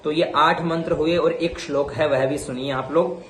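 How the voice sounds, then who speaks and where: A man teaching the pronunciation of Vedic mantras, chanting each mantra slowly and then explaining briefly. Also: fairly high pitch, fairly even intonation, reverberant, a little hiss or hum.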